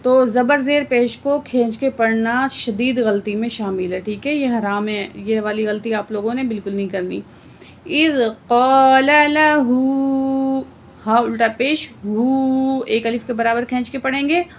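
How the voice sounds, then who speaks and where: A woman teaching Quran recitation word by word, explaining the rules plainly and reciting verses slowly with drawn-out sounds. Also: fairly high pitch, steady tone, a little hiss or hum. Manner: often adds "theek hai" to check understanding. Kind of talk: slow word-by-word recitation lesson.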